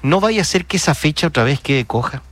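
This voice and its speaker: A man's voice: fairly high pitch, animated, a little fast, a bit bright, no room sound, faint music behind. A man hosting radio news, commenting emphatically with rhetorical questions and fillers.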